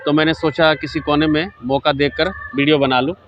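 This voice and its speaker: Guy teaching english words really slow, bit high voice, lots of uh and um, dull lo-fi recording. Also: level tone, a little hiss or hum. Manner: slow, repeats English sentences for learners to copy; frequent hesitation fillers. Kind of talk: casual spoken-language lesson. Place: quiet corner at an event, program sounds behind. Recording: dull lo-fi dry sound.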